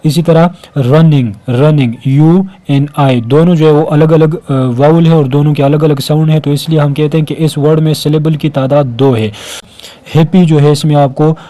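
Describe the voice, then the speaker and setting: At a moderate pace and with fairly even intonation, a male teacher from Pakistan speaks in a mellow, higher-side voice during a recorded grammar lecture. Step by step, he repeats words while counting their syllables, using frequent "uh" fillers and English terms.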